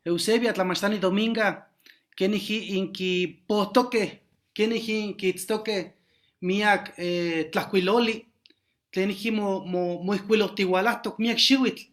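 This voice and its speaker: Guest teacher, mid-range voice, measured and reflective delivery on a call. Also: mid-range voice, fairly even intonation.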